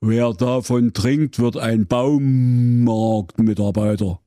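A man voicing an enchanted female talking cow who speaks slowly and deliberately. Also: medium pitch, dark tone, dry recording, studio quality, close to an everyday voice. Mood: warning. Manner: drawling, slow and deliberate.

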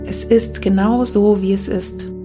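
A woman leading a guided meditation in a soft, calming, unhurried manner. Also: mid-range voice. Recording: background music behind the voice. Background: meditation music.

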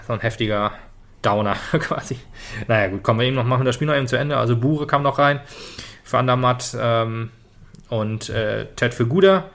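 A man's voice: mid-range voice, gravelly, fairly bright tone. A man co-hosting a casual football podcast, talking hesitantly with many fillers and restarts. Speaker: podcast co-host.

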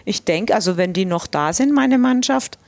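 A frank, cheerful woman talks about running her small family business and laughs easily. Her voice sits at a middle pitch. The recording is close and dry. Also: expressive, normal speed, dry recording. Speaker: family business owner, guest. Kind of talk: casual interview.

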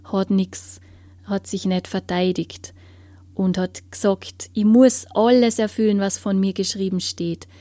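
A woman tells her story in an interview, earnest and searching. Her voice is mellow and warm, and she often lets it sink to a hushed whisper. The sound is close and dry, with no room echo. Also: medium pitch. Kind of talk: personal faith testimony.

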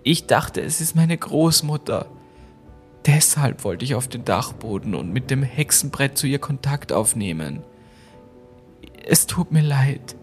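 A man's voice: mid-range voice, measured pace, darkish tone, soft background music, natural voice. A man voicing a remorseful young woman in a ghost story, with a shaky, sobbing voice.

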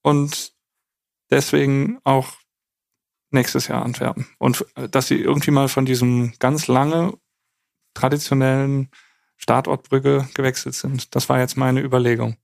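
A man talks casually as a contestant in a quiz. His medium-pitched voice has a clear creak to it, recorded dry and close. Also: little pitch movement, unhurried, darkish tone, dry recording. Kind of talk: casual chat.

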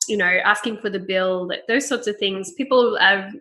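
A woman's voice: medium pitch, normal speed, sharp tone. A young woman hosting a podcast in casual chat, chatty and laughing often as she mimics phrases. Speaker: podcast host.

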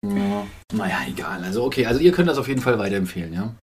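A woman hosting a casual family chat, chatty and teasing, often pausing with fillers. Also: extremely low pitch, animated, darkish tone, slight background noise. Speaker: podcast host and mother.

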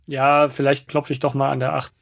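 A man with a gravelly, mid-pitched voice plays a tabletop game. He improvises casually and haltingly, recorded dry and close. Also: monotone, dry recording. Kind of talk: casual, improvised role-play talk.

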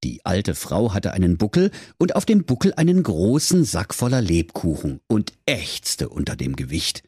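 A man narrating a comic fairy tale with playful, lively storytelling. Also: low voice, moderate pace, breathy edge, no room sound, clean studio sound.

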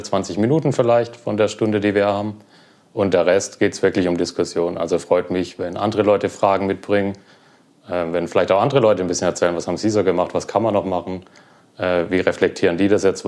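A young man being interviewed, talking relaxed about his work with many fillers. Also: deep voice. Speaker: guest, cloud platform engineer. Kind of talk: casual interview.

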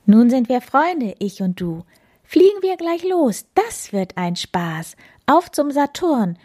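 A woman's voice: sits high, sing-song, slow, darkish tone, voice pushed up, heavily acted. A woman voicing a small, curious male raccoon in a children's story. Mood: cheerful.

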